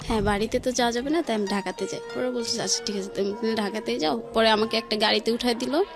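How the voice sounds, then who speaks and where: In a radio studio with faint music in the background, a woman with a Bangladeshi accent talks at a quick pace. Her slightly high voice holds a steady tone as she tells a personal story informally, chaining events with quoted dialogue.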